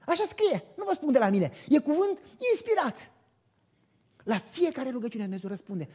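A male pastor preaching a sermon in church, animated, asking the congregation rhetorical questions and acting out dialogue as he tells stories. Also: very high-pitched, husky. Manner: acts out dialogue in lively storytelling.

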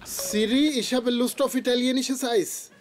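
Slow, coy, lovestruck Raj. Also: male voice, very high voice, steady tone, crowd noise. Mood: smitten, flirty. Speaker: voice actor in a sitcom dub. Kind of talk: German-dubbed sitcom dialogue. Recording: noisy sitcom soundtrack with clicks.

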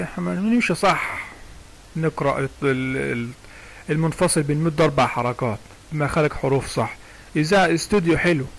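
Gravelly Egyptian man teaching recitation. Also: fairly high pitch, a little hiss or hum, low-quality recording. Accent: Egyptian Arabic. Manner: chatty, digressive, often asks "understand me?". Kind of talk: casual spoken lesson with sung recitation examples.

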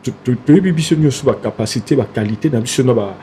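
A man talking as a guest in an interview. He gets animated, repeats himself and trails off. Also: mid-range voice, fast, slight background noise. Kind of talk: casual interview talk.

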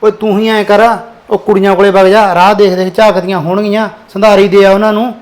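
A man playing a fast-scolding farmer father. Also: sits high, level tone, close to an everyday voice. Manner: scolding, chiding. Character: farmer father, nagging, easygoing. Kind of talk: village family drama.

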